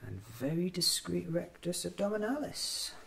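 A man in his thirties playing a quirky, curious time-travelling alien doctor who muses softly to himself in hesitant short phrases, in an ASMR roleplay. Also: high-pitched, big pitch swings, vocal fry, exaggerated voice. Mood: musing, pleased. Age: 30s. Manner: slow, deliberate, hesitant self-musing in short phrases. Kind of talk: ASMR roleplay, soft-spoken musing to himself.

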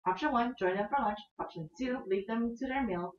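A woman's voice: a little high, fairly quick. A woman reading a tabletop adventure aloud to friends, stumbling and giggling now and then. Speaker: game reader and player. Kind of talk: reading game text aloud, casual. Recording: echoey room, distant mic, dull sound with faint noise.

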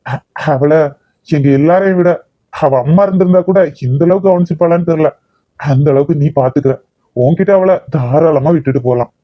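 A man's voice: fairly high pitch, fairly quick, no room sound, lo-fi sound, lightly acted. A man voicing a doting older father in a cartoon. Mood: fond. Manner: gentle, affectionate, reassuring. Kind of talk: cartoon voice acting.

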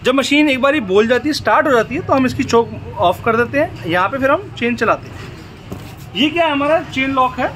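Young guy, really high voice, showing how a machine works step by step, noisy outdoor recording. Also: lively intonation, fairly quick, a bit bright. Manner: explaining step by step, addressing viewers directly. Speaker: product demonstrator. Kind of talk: hands-on product demonstration.

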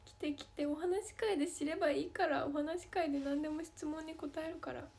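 A woman's voice: sits high, fairly even intonation, normal speed, gravelly, a little mellow, slight background noise. A young woman with a Kansai Japanese accent, chatting playfully on a livestream as she reads fan comments aloud and answers them. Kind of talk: casual livestream chat.

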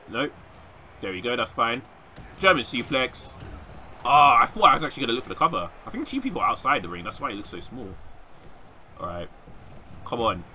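Young guy doing let's play commentary, super bright voice, bounces all over, bit of hiss behind. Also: medium pitch. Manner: animated, reacting loudly with frequent laughs and yelps. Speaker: gaming YouTuber.

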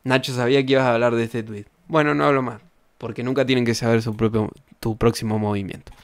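The young Rioplatense-accented streamer from Argentina talks quickly in a mid-range, clean-toned voice with fairly even intonation as he reacts to tweets. It's a rambling, sarcastic casual chat with frequent swearing and self-amused laughter, and there's no room sound.

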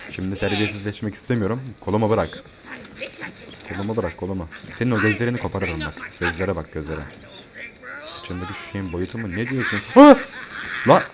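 A man playing a horror game and commenting, joking and swearing, yelling in panic when chased. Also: fairly low pitch, lively intonation, quick pace, a crowd in the background. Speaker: gamer.

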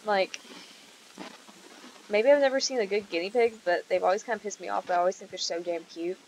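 A woman's voice: medium pitch, brisk. Young woman rambling while she plays, swears a lot, startles easy, noisy setup. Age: young adult. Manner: chatty, swears often, easily startled. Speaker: gaming channel host. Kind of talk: casual gameplay commentary.

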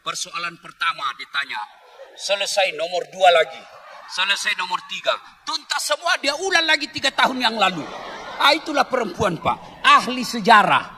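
A man preaching a lively, humorous sermon to a crowd, teasing and joking with the audience before turning earnest. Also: sits high, normal speed, slight background noise. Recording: long hall reverb.

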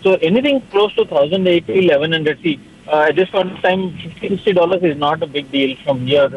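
A man's voice: on the high side, a little fast, breathy edge. Man analyst on a tinny line. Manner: hesitant, many fillers and restarts. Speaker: commodity analyst guest. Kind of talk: live TV interview answers.

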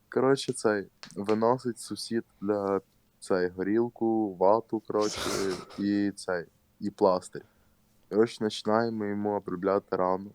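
A man's voice: lowish voice, steady tone, a little slow, darkish tone, clear, resonant tone. A young man telling a crude, slang-filled story in casual chat, often laughing. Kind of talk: casual storytelling with acted quotes.

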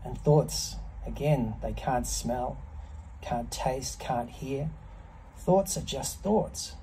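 A man in his fifties giving a reflective monologue to camera, speaking contemplatively in short, measured phrases with pauses between them. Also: mid-range voice, expressive, mellow, slight background noise, rough recording. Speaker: ice bath practitioner. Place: small block-walled semi-outdoor space, in an ice bath.

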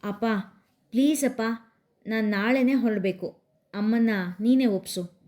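A woman's voice: mid-range voice, moderate pace, dark tone, lightly acted. A woman voicing a headstrong young college woman who insists and pleads in a story reading. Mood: pleading. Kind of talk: storybook narration.

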